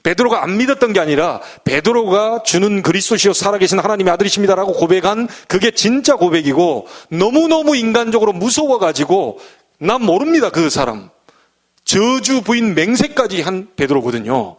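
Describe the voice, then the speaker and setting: Animated Korean-speaking pastor preaching, high voice. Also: male voice, fairly quick. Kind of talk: sermon.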